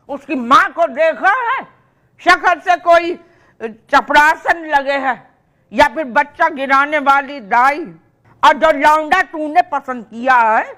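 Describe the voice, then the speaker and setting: An older woman with a high-pitched, bright and forceful voice plays a scolding mother in a scripted comedy drama, tossing out proverbs as she speaks.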